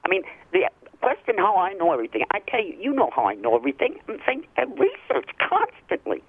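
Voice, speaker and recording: A woman's voice: mid-range voice, wildly swooping pitch, fairly quick, breathy edge, no echo. A woman hosting an opinionated talk show, interjecting insistently in casual conversation. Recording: tinny narrow telephone line.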